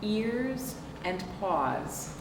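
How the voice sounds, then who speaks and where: A middle-aged children's librarian reads a picture book aloud at storytime, expressive and unhurried, explaining deliberately and putting rhetorical questions to young listeners. Her mid-range voice is gravelly. A camera a few feet away captures her in a noisy, reverberant indoor room with a sofa.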